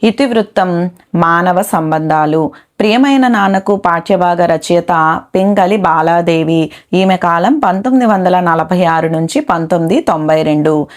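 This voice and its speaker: A woman with a lower voice teaches a Telugu exam-prep lesson. She reads out notes and word lists steadily, one item after another, moving on with a quick "next.". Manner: steady list-like dictation with "next" transitions.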